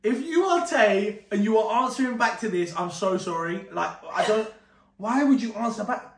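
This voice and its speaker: A woman's voice: mid-range voice, animated, normal speed. Incredulous swearing young woman. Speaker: vlog host. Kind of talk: casual chat with sibling. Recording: echoey room, faint noise.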